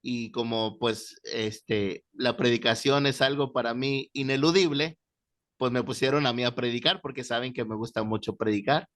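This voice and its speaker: A man teaching a Bible class, telling stories with lively, animated delivery. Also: medium pitch, normal speed. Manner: animated storyteller, shouting out quoted voices. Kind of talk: classroom lecture with storytelling.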